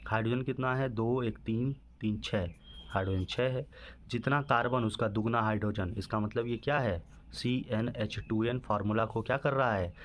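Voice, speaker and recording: Guy teaching chemistry, keeps going "thik hai" and answering his own questions, mid pitch. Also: a little hiss or hum. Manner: asks questions and answers them himself, repeats "ठीक है" often. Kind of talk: classroom-style lesson explanation.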